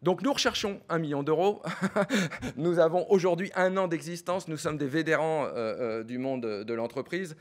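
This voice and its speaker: A middle-aged man giving a fast business pitch, full of fillers and repeated words. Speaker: startup executive pitching.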